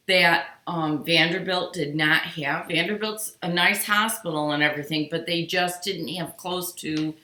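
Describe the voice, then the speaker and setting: A middle-aged woman talks slowly and chattily on a live stream, her bright, forward voice carrying a tired, yawning edge. She greets viewers by name as she speaks into a webcam on her sewing table. The home room adds a roomy echo. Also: lowish voice. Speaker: quilting show host. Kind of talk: live-stream casual chat. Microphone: computer webcam on sewing table.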